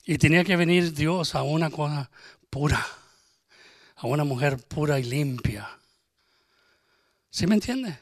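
A man's voice: a little high, measured pace, long pauses, no room sound, clean studio sound. A man preaching a sermon, emphatic, asking rhetorical questions and acting out conversations.

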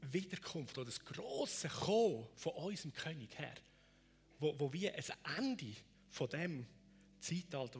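Male pastor, slow and deliberate, rising to fervent appeals, sinking to whispers. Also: mid-range voice, vocal fry. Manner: alternates fervent raised appeals with hushed whispered prayers. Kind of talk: sermon.

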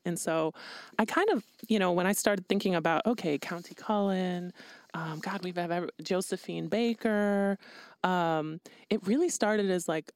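Gravelly-voiced woman podcast co-host. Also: low voice, dry recording. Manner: reflective, rambling with fillers like "like" and "um". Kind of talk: casual podcast conversation.

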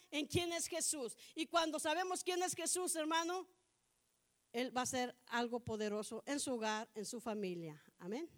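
Fervent high-voiced woman preaching. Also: fairly bright tone. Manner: addresses listeners as brother again and again, rises to fervent outbursts. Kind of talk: sermon.

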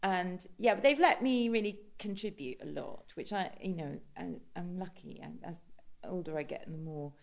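A middle-aged stage actress chats in an interview, her voice rich, gravelly and deliberately lowered. She sounds a little tired, restarting often and slipping in quoted asides.

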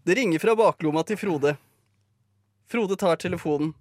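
Male narrator for a live radio play, slightly higher voice, brisk and dry delivery, close and dry sound. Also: a little mellow, no room sound.

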